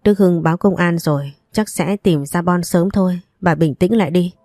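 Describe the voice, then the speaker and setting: Woman reading as a calm grandfather. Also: fairly low pitch, normal speed, dry recording, clean studio sound, faint music behind, natural voice. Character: calm older man, reassuring grandfather.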